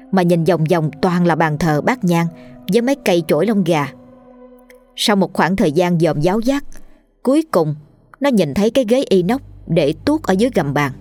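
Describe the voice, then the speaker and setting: A woman with a Southern Vietnamese accent narrating a ghost story in a lively, colloquial storytelling manner. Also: on the low side.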